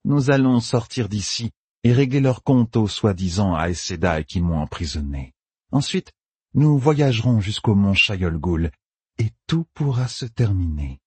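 Casting: male narrator doing a gloating villainous sorceress, raspy, pitched up, dry close read. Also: expressive, unhurried, darkish tone, no echo, heavily acted. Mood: cold. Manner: taunting, mocking and cold. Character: cruel sadistic female sorceress villain.

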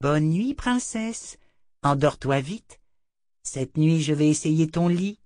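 A man voicing a frightened little servant girl in a storybook reading, pleading in a small high voice. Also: lively intonation, takes it slowly, darkish tone, no room sound, studio quality. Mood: threatening. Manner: whimpering then threatening. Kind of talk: storybook read-aloud voice.

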